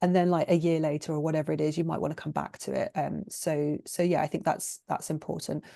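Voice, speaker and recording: A woman's voice: deep voice, little pitch movement, a little fast, gravelly, warm tone, dry recording, clean studio sound. A woman giving casual interview answers as a guest, informally acting out little quotes as she explains. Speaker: guest, copywriting agency owner.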